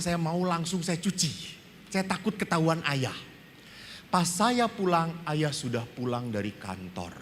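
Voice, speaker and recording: Animated Indonesian priest preaching in a hall. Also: male voice, on the high side, slight background noise. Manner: animated storytelling, acts out dialogue. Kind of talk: lively sermon with humor. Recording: reverberant hall, faint ambience.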